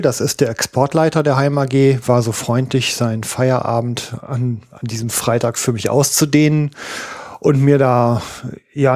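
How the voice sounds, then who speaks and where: A man's voice: medium pitch, darkish tone. Chatty German podcast host, a man. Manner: chatty and informal, with many fillers. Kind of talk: podcast intro and field interview.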